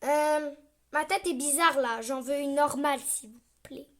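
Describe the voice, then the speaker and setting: A woman's voice: high-pitched, unhurried, a bit bright. A young woman chatting over her gameplay as a vlogger, complaining dramatically and often dropping into a mutter. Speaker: gaming vlogger. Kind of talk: casual gameplay commentary.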